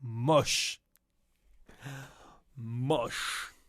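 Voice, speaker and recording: A man teaching to beginners, repeating words slowly and explaining in Spanish, patient and clear. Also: medium pitch, fairly even intonation, fairly bright tone. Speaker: French teacher. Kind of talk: slow, clear language lesson.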